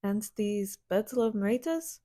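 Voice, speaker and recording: A woman's voice: mid-range voice, lively intonation, slow pace, mellow. A woman playing a stern, fiery young woman warrior who speaks in blunt, clipped lines. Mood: dry.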